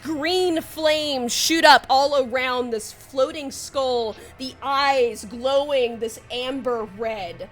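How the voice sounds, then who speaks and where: A woman's voice: high voice, slow pace, few pauses, faint music behind. A young woman running a tabletop role-playing game as game master, narrating dramatically and laughing often.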